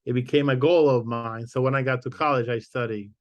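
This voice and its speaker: Male professor from the Dominican Republic, native Spanish speaker, halting and thoughtful, dry close sound. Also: medium pitch, fairly even intonation, no echo, dull audio. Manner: thoughtful, halting, many fillers and restarts. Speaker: guest, literature professor. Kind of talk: interview conversation.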